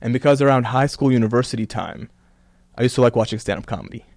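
Speaking fast in a mid-range, slightly mellow voice, a guest on a casual interview reflects earnestly, peppering his talk with "you know." He grew up in Kuwait and Canada and makes religious content, and the recording is dry.

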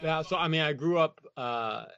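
Speaking at normal speed, this American interview guest has a slightly high, bright voice that is forceful, clear and resonant. He rambles loosely and casually, reflecting aloud and leaning on "you know" and "like." The dry, dull lo-fi recording carries no room sound.

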